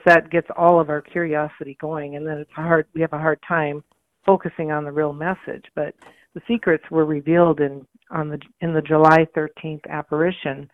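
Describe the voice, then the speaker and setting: A woman interview guest speaks in a low, gritty voice that is gravelly and hoarse. She explains things in a conversational way. The sound is narrow and tinny, as over a telephone, with very little room sound. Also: no echo. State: hoarse from a mild allergy. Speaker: interview guest, communications director. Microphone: phone call. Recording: tinny phone line, radio interview.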